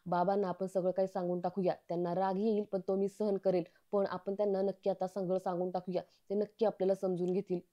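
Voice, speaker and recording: A woman's voice: medium pitch, flat delivery, fast talker, few pauses, lo-fi sound, close to an everyday voice. A woman voicing a young husband who speaks in a soothing, reassuring way.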